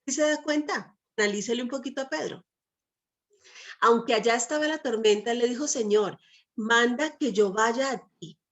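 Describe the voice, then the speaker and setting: Woman preaching with rhetorical questions. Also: a little high. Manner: asks the audience frequent rhetorical questions. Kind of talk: sermon.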